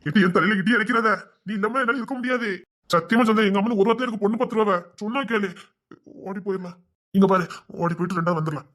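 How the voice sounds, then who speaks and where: A man's voice: high-pitched, fast, a bit bright. An actor playing a restless young man in love, fretting aloud and pleading to elope in an audio drama. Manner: fretful rambling inner monologue, then pleading.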